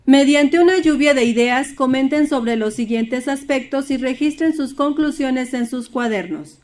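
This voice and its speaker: A woman's voice: sits high, unhurried, darkish tone. A woman teaching a primary school Spanish lesson, explaining steadily and reading poems and word examples aloud.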